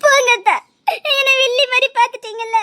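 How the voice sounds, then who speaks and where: A woman's voice: very high voice, fast talker, a bit bright. An actress playing a clingy, jealous young woman in a TV serial melodrama, crying and pleading as she sobs and half laughs through her tears. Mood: tearful pleading. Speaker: lovesick cousin in a TV serial.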